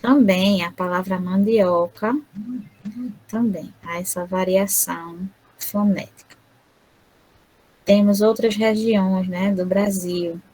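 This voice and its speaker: A woman interpreting an online lecture aloud, speaking haltingly with frequent tag questions. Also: mid-range voice, rough recording.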